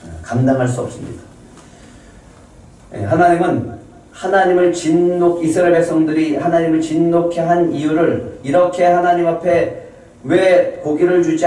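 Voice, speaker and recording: A man's voice: on the high side, mellow. Man preaching in an echoey church. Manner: asks the congregation questions and answers them; reads scripture aloud. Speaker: pastor. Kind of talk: sermon. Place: church sanctuary. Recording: echoey church hall, mic from a distance.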